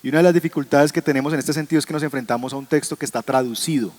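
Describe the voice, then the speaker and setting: A man's voice: a little high, racing, darkish tone. Man, Bible teacher, classroom lecture, conversational, asks the class questions.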